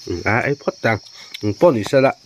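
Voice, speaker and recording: A man's voice: lowish voice, animated, brisk, background noise. A man talking casually and animatedly outdoors on a rat hunt, laughing now and then. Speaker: rat hunter.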